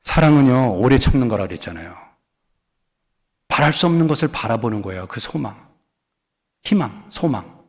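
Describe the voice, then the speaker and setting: A man preaching a sermon as senior pastor. He hammers key words by repeating them and moves between loud stresses and soft asides. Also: medium pitch, lively intonation, normal speed, pauses often, husky. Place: church sanctuary. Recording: long church hall reverb.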